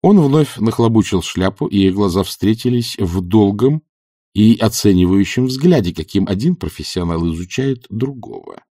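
A man reading a story aloud with an expressive, ironic delivery. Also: fairly low pitch, moderate pace, no room sound, studio quality. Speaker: audiobook narrator. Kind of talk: scripted narration.

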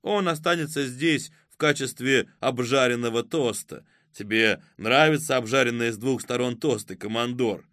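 A man voicing a mocking, vengeful male villain in an audiobook, with a drawn-out, sneering delivery. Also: medium pitch, fairly bright tone, no room sound, clean studio sound, close to an everyday voice. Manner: sneering, taunting, drawn-out threats. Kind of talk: audiobook character voice.

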